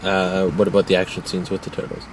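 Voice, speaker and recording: An easygoing man leads a casual film chat and teases his co-host along the way. His voice is fairly low, and a faint background noise sits under it. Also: monotone, fast, far from the mic, rough recording. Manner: easygoing, teasing. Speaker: movie reviewer, asks questions.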